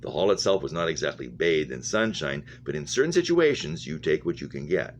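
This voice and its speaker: A man with an extremely low pitch reads a novel aloud fairly quickly and with great animation, occasionally stumbling and going back over phrases. The reader is an English teacher, heard through muffled lo-fi audio with a humming noise.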